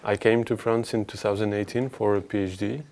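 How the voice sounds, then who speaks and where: A young man from Algeria speaks low and flat, with very little rise and fall. He keeps his points short and measured. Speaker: PhD student panelist. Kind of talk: casual roundtable discussion.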